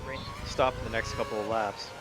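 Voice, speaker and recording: A young man with a lowish, steady voice commentates casually and fairly quickly on a racing game, joking and swearing now and then. Loud music plays behind him, and the recording carries his commentary over the game's engine noise.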